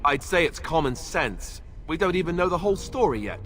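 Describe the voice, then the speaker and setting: A man's voice: fairly high pitch, very animated, fairly quick, a bit bright, slight background noise. An actor playing Alistair, a wry young male warrior who argues with mild exasperation in video game dialogue. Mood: arguing.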